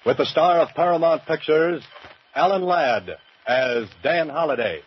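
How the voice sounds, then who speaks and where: A male announcer introducing a 1940s radio drama with a slow, booming delivery. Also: animated, slight background noise. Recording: dull vintage radio with music.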